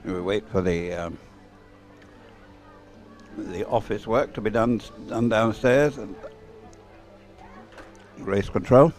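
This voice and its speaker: A man with a fairly low, slightly mellow voice commentates on a race live and unscripted from a commentary room overlooking the course. He talks slowly with long pauses, in a conversational, hesitant way, thinking aloud, while soft music plays in the background.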